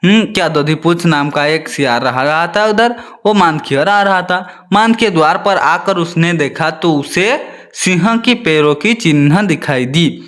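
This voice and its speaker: A man's voice: on the high side, expressive, unhurried, fairly bright tone. A male teacher reading a story aloud to young children, often repeating lines and asking them questions.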